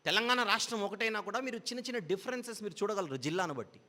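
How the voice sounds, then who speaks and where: A man's voice: high voice, racing, pushed and bright, in a large hall. A man preaching a Bible teaching sermon, explaining patiently with repeated parallel phrases.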